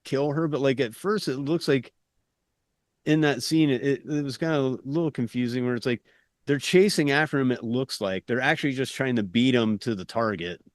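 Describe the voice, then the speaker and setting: A man co-hosting a podcast, retelling movie scenes in a rambling, excited way with many fillers. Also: mid-range voice, normal speed, dry recording, studio quality. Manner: rambling, lots of "like" and restarts, animated retelling. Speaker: podcast co-host. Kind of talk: casual film discussion.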